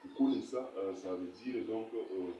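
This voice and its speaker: A man giving a spoken language lesson, explaining slowly with many fillers, stammered repeats and checks of whether his listeners understand. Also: on the low side, mellow. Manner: explains slowly, asks "vous comprenez?". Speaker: language teacher. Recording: echoey, distant, noisy room.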